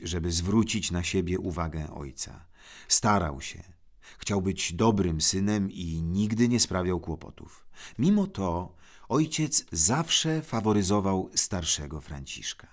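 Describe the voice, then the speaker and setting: A man calmly narrating a storybook in a measured reading voice. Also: sits low. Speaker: audiobook narrator.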